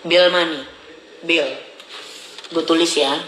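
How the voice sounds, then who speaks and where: A man's voice: on the high side, steady tone, takes it slowly, fairly bright tone, roomy sound, low-quality recording. A man ranting casually to his followers, chatty, repetitive and indignant, recorded on a phone held at arm's length. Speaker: social media vlogger. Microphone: phone camera at arm's length.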